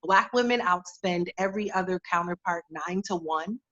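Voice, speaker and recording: A woman's voice: fairly low pitch, moderate pace, pushed and bright, highs cut off. Emphatic woman beauty editor. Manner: emphatic, repeats key words. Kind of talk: conversational interview answers.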